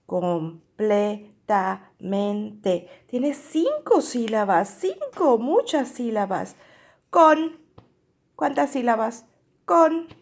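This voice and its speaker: A woman teacher reading a picture book aloud to young children, stretching out words and counting their syllables. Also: sits high. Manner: slow, drawn-out syllable drilling with animated read-aloud emphasis.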